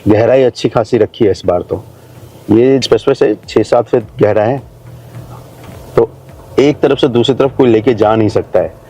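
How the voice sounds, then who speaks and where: A travel and real estate vlogger chats to viewers as he drives a new expressway and stops at a building site, explaining things casually and calling them brother and friends. His medium-pitched voice is dark in tone, moving at a moderate pace with long pauses.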